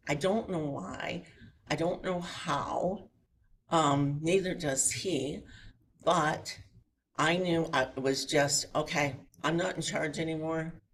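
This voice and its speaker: A woman's voice: low-pitched, slight background noise. Woman telling a story from a chapel pulpit. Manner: animated, asks the audience rhetorical questions. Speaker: guest speaker at a chapel. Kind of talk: storytelling spiritual lecture. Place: chapel hall before an audience.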